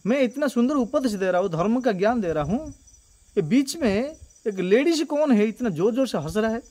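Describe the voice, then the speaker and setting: A man voicing an aged grandsire in a devotional storytelling, grave and paternal, speaking lower and softer than his own narration. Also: very animated, normal speed, exaggerated voice. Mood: questioning. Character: aged grandsire, old male sage, remorseful.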